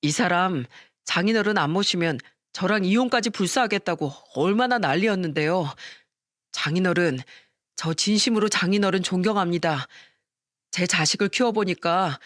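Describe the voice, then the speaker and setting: A woman's voice: fairly low pitch, normal speed, no echo, lightly acted. Woman doing earnest polite son-in-law, dry close sound. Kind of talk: story radio acting.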